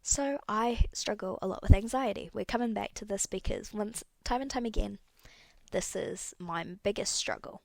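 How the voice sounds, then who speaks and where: A woman's voice: mid-range voice, normal speed, gravelly, dry recording. A young woman hosting a solo podcast, talking candidly and rambling a little, correcting herself as she goes. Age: young adult. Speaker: podcast host. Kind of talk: casual solo podcast talk.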